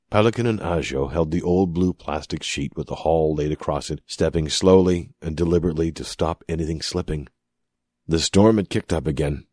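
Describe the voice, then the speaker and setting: An audiobook narrator reads dramatic fiction in an extremely deep, husky, slightly mellow male voice. His phrasing is measured and deliberate, and the sound is dry and close, with no room sound.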